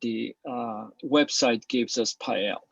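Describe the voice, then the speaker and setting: A man from Armenia asks a question on a video call, pausing often to search for words. His voice is gravelly and husky, and his pace is very slow. The sound is dull and dry. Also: medium pitch, fairly bright tone, dry recording. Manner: hesitant, with many fillers and searches for words. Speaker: participant asking questions. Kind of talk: questions in an online Q&A.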